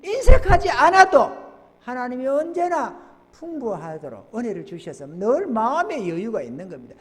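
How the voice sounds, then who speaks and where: A male pastor preaching a sermon, telling folksy stories with sudden loud outbursts. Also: extremely high pitch, big pitch swings, normal speed, slight background noise. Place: church sanctuary. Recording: church hall with long reverb.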